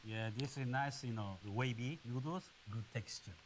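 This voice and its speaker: A man's voice: medium pitch, normal speed. A man from Japan with a Japanese accent, giving casual food commentary as a chef. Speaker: chef on a tasting panel. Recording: clear background hiss.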